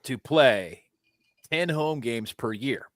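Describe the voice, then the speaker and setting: A man's voice: medium pitch, slow, a bit bright, no echo, clean studio sound. A man co-hosting a sports podcast, giving opinionated football analysis in casual chat. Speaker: podcast co-host, team analyst.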